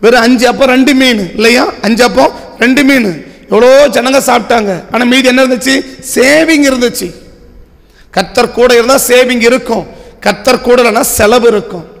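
A man's voice: very high-pitched, a little fast, vocal fry, fairly bright tone, in a large hall. A man preaching a sermon with a Tamil accent, asking the same questions again and again. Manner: repetitive rhetorical questioning. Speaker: pastor.

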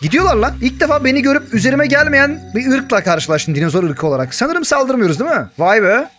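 High, lively young man gaming. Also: fast talker, soft background music. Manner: jokey, panics and yells when chased. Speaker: gaming YouTuber. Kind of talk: Minecraft let's play with story narration.

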